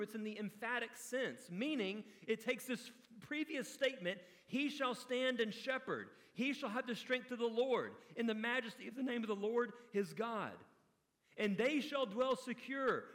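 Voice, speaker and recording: High-voiced preaching man in a reverberant hall. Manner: earnest preaching, swinging between loud emphasis and hushed appeals. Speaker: pastor. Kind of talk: sermon.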